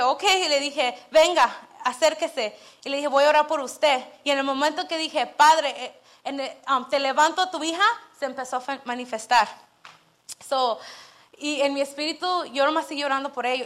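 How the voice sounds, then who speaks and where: A woman with a bright, high voice shares a personal testimony during a church service. She tells the story earnestly and with feeling, acting out the dialogue as she goes. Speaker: church member giving testimony.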